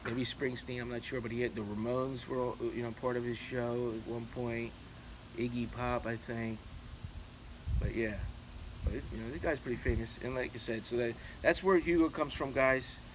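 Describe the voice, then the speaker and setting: A middle-aged man with a mid-range voice talks casually to his channel's viewers. His delivery is halting and loosely anecdotal, often circling back on itself. There is clear ambient noise behind him. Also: medium pitch. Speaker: YouTube channel host. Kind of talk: casual rambling chat to viewers. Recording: clearly noisy, steady background ambience.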